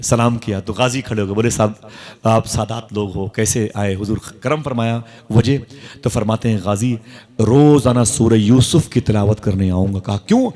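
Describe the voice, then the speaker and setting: A man preaching a Urdu-language religious sermon with an Indian accent, telling a story dramatically at a live gathering with fervent exclamations and drawn-out sighs. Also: mid-range voice, darkish tone.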